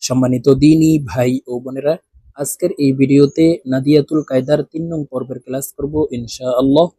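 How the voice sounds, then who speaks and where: A man teaching Quran reading in a recorded video lesson. He recites letters in a slow, drawn-out, melodic way with careful pronunciation and speaks directly to his viewers. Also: mid-range voice, fairly even intonation, dark tone, breathy edge, no echo, clean studio sound. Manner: instructive, addresses viewers directly.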